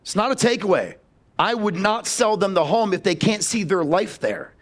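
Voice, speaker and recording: A man's voice: high-pitched, expressive, normal speed. A man giving a blunt, profane sales talk at a live seminar, speaking straight to the audience. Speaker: sales trainer.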